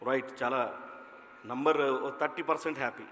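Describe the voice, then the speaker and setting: A man's voice: mid-range voice, fairly even intonation, moderate pace, fairly bright tone, slight background noise. A man doing stand-up comedy as a mimicry entertainer, chatty and telling anecdotes while quizzing the crowd. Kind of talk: stand-up comedy with audience interaction. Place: event hall. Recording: long reverb of an event hall.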